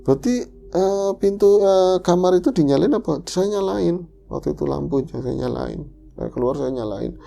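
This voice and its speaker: A man with a creaky voice and dark tone tells a first-person horror story at normal speed as a podcast host, with soft music playing behind him. His delivery is dramatic, swinging in pitch as he acts out the quotes.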